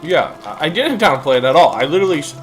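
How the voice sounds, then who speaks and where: A man's voice: a little high, very animated, quick pace. Casting: young male streamer, loose and profane, chatty over game music. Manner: rambling, profane, many fillers. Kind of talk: casual live-stream commentary.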